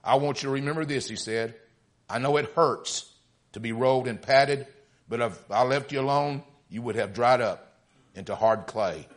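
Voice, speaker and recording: A man voicing a calm, wise master potter explaining himself in a story told during a sermon. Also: mid-range voice, moderate pace, close to an everyday voice.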